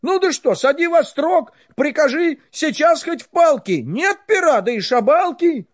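A man voicing a young, simple peasant lad in a storybook reading, protesting and pleading in a high, loud voice. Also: takes it slowly, no room sound. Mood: defiant.

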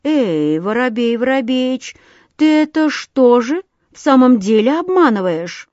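A woman's voice: mid-range voice, very animated, slow, a little mellow, dry recording, dull audio. A woman voicing a good-natured young male chimney sweep in a storybook reading, with a musing, fatherly manner. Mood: puzzled.

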